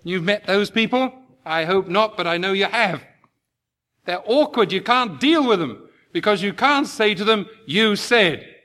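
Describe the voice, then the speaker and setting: A man preaching a sermon to his congregation, slow and emphatic, rising into impassioned peaks. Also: high voice, lively intonation, sharp tone.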